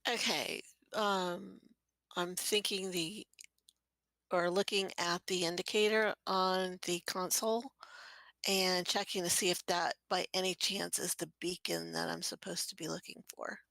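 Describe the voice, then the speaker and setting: Female tabletop gamer, bright but creaky voice, measured and hesitant, casually describing her character's moves. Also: on the low side, steady tone, no room sound, low-quality recording. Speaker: tabletop role-playing player.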